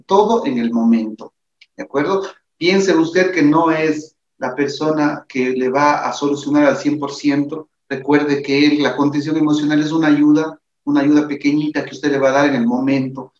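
A man with a tired voice, giving an earnest recorded lesson on psychology and often checking in with his listeners. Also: medium pitch. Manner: earnest, repeats himself, asks "¿de acuerdo?". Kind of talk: recorded lecture over slides. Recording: echoey room, dull lo-fi sound.

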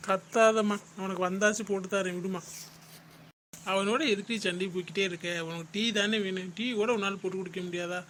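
A man's voice: sits high, steady tone, brisk, slight background noise. Man doing a bickering cartoon husband. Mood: placating. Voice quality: sharp, teasing retorts. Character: bickering middle-aged cartoon husband, teasing. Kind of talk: cartoon comedy voice acting.

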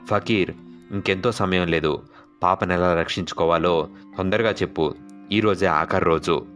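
A man's voice: deep voice, fairly even intonation, moderate pace, fairly bright tone, faint music behind. A man voicing a desperate male engineer who pleads urgently for his daughter.

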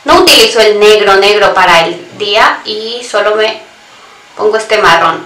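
A beauty vlogger with a sharp-toned, medium-pitched voice chats her way through an informal makeup tutorial, talking right to her audience and pausing often to correct herself. The recording carries slight background noise, a roomy echo, and a voice somewhat removed from the mic.

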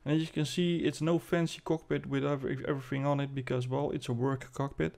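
A man giving casual commentary as host of a game showcase, halting and thinking aloud as he demonstrates. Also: medium pitch, little pitch movement, gravelly, darkish tone. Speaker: video host presenting a game spaceship.

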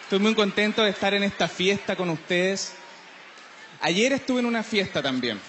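A man's voice: high-pitched, lively intonation, normal speed, a bit bright, some chatter behind, slight background noise. A man with a Chilean accent doing live stand-up comedy on an outdoor festival stage. He uses a lot of slang and mocking asides, and keeps breaking into mimicry and scat singing.

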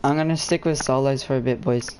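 A man's voice: mid-range voice, steady tone, fast talker, darkish tone, slight background noise. A young man chatting casually on a gaming live stream in a slangy, laid-back, matey, sweary way.

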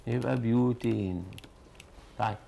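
A man's voice: mid-range voice, fairly even intonation, unhurried, vocal fry, warm tone. A man with an Egyptian Arabic accent teaching chemistry, who explains step by step and asks and answers his own questions. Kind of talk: classroom lesson.

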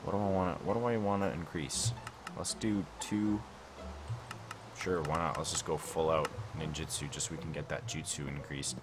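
Late at night at home, a young gaming YouTuber casually comments on his own let's-play session, thinking aloud, rambling and questioning himself with lots of "like" and "I don't know." His extremely low voice is steady in tone at a moderate pace. He uses a desk mic, and the background is noisy.

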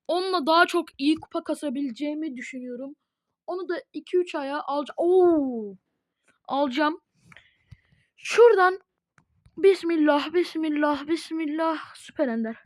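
A woman at home chatting casually to her viewers while playing a game, chatty and prone to excited, dramatic outbursts. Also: high-pitched, dry recording. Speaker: gaming video host. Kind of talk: casual gameplay commentary.

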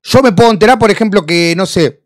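A man's voice: high voice, quick pace. A man in his thirties with a Rioplatense Argentine accent, a guest in a heated casual interview, ranting in a streetwise way with lots of swearing. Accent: Rioplatense Spanish. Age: 30s. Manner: animated, swearing, streetwise rant with acted quotes. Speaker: interview guest, freestyle rapper.

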